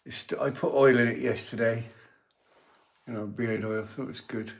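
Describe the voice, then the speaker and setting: A man's voice: mid-range voice, steady tone, normal speed. An older man, rambling casually to the camera as a vanlife vlogger and talking to his dogs. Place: in and around a van.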